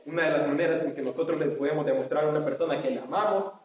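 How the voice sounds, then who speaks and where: Preaching very fast in a steady, slightly mellow voice on the high side, a Sunday school teacher from El Salvador delivers an earnest sermon with a Salvadoran Spanish accent. He repeats phrases and calls his listeners brothers. The church hall is very echoey, and he sounds distant from the mic.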